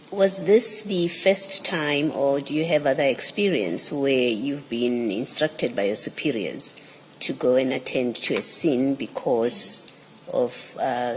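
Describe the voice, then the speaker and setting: Female panel member, extremely low voice, formal questioning, faint background noise. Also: rough recording.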